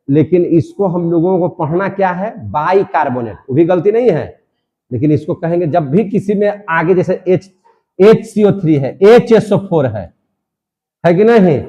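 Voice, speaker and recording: Man drilling a class, dark voice. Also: on the high side, muffled recording. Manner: repeats questions and drills answers, emphatic. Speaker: chemistry teacher. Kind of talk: classroom lecture with call-and-response drilling.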